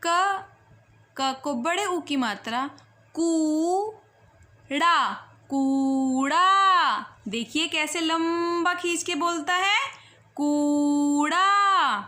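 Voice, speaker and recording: A woman teaching young children a Hindi phonics lesson, saying each sound slowly and clearly and urging them to repeat after her. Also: very high voice, sharp tone. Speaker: primary school Hindi teacher.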